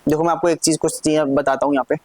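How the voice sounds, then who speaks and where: A man with a somewhat high voice leads a live programming class, walking through each step of the code. He keeps pausing to ask the students if it is clear. The recording is dry, with little room sound. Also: little pitch movement, a little mellow, no room sound. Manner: checks in often with questions to students. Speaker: programming teacher. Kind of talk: live classroom coding lesson.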